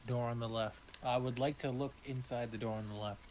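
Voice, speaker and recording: Young dude playing a tabletop game, jokey and brash, faint hiss behind. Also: male voice, medium pitch, steady tone, fairly quick, darkish tone. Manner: joking and brash. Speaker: player. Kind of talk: casual tabletop play.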